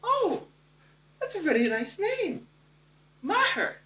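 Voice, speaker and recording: A curious young woman with a Croatian accent presses earnestly for a name, voiced by a man, bright and lively. She asks insistently, with sincere interest. It rings through an echoey hall from a distance. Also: extremely high pitch, takes it slowly, pitched above the performer's own voice, exaggerated voice.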